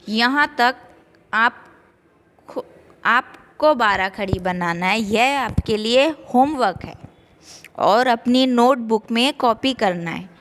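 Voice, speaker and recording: Slow-drilling woman teacher, echoey room. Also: on the high side, fairly bright tone. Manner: slow, repeating each syllable twice for children. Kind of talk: online class lesson.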